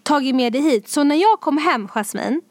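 Young woman chatting on a podcast, high voice, super dry close sound, gushes and throws in english words. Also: animated, dry recording. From Sweden. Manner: enthusiastic storyteller, mixes English words into Swedish. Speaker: podcast co-host. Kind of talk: casual chat.

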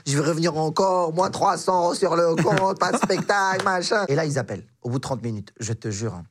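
A young man from Morocco, a comedian guest, telling a story in a casual, animated way and acting out the dialogue. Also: fairly high pitch, a little fast, slight background noise.

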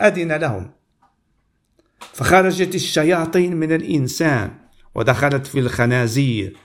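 A man preaching, reading Bible passages aloud in a measured, deliberate way and pausing to comment on them. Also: medium pitch, fairly bright tone.

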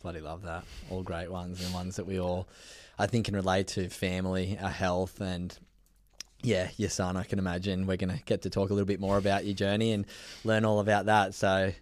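A man's voice: low-pitched, little pitch movement, fairly quick, dry recording. Chatty man hosting a podcast. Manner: upbeat, chatty, says mate a lot. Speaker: podcast host. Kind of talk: casual podcast interview. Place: indoors, travelling in New Zealand.

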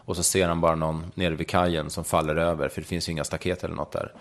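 A young man with a very low, gravelly voice talks frankly in an interview. He retells his own story vividly and drops casual swear words along the way. His voice sits deep, with a rough, crackling edge. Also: flat delivery. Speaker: guest.

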